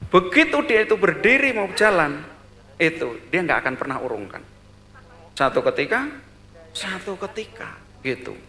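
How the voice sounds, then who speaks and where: A man with a bright, forward voice gives a storytelling lecture at a business seminar. He talks in short bursts, repeating words and adding little fillers as he goes. His loudness rises and falls sharply as he builds the tale. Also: sits high, moderate pace, long pauses. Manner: animated storyteller, voice swelling loud then dropping soft; repeats words and tags phrases with "gitu". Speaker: seminar speaker.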